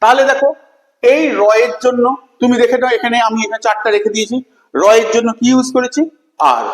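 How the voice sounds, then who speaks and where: A man's voice: very high voice, brisk. A male teacher giving a classroom spelling lesson, asking questions and spelling words out letter by letter. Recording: echoey room with long reverb.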